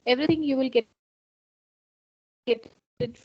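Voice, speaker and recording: A woman's voice: high-pitched, unhurried, no echo. Woman teaching math online. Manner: patient, step-by-step explaining. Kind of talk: online class lecture. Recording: dull, dry online-call audio.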